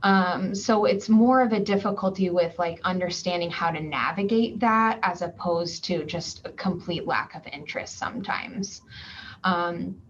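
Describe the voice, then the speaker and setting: A woman's voice: on the low side, a little slow. A woman presenting at a virtual conference session, explaining steadily and patiently, with frequent ums and worked examples along the way. Her voice comes through a slightly dull video-call recording, with a faint hiss of noise underneath. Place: home or office, remote virtual session. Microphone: computer mic on a video call.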